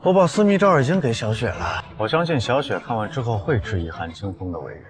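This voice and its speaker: A man's voice: mid-range voice, very animated, fast, a crowd in the background, natural voice. An actor in his thirties playing a scheming, greedy villain in a drama.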